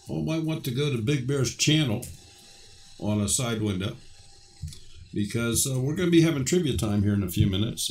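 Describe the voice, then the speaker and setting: A man's voice: mid-range voice, darkish tone, roomy sound, recorded from a distance. A man hosting a live stream chat, easygoing and folksy. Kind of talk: casual chat.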